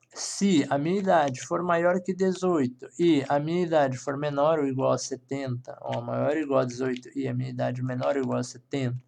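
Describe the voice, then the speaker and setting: A Brazilian Portuguese-accented programming instructor talks through a screencast coding lesson, thinking out loud while typing and frequently checking in with "tá?" after every step. He has a mid-range, gravelly, slightly mellow voice.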